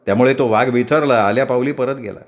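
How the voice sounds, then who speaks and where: A man's voice: mid-range voice, quick pace. A man narrating a story with dramatic, vivid delivery.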